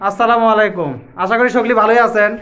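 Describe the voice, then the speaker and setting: A man's voice: high-pitched, fairly even intonation, fairly bright tone, smooth. A man from Bangladesh with a Bogura regional accent, a vlogger questioning a seller in a casual chat. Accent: Bogura regional Bengali. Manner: rapid-fire, repetitive questioning. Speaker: vlogger at a pigeon market. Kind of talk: casual vlog interview with a seller.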